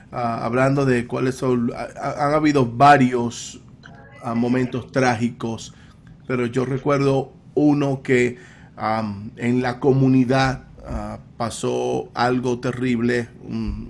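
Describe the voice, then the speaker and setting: A man who is a chaplain and Pentecostal pastor, telling a story on a panel in a slow, halting way with many fillers and repeats. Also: mid-range voice, creaky, a little hiss or hum.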